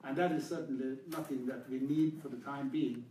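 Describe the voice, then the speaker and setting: A man speaking as a minister on a panel, measured and careful, with hesitant fillers. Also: mid-range voice, steady tone, dark tone, slight background noise. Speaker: government minister. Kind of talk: public panel discussion. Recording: roomy hall, far from mic.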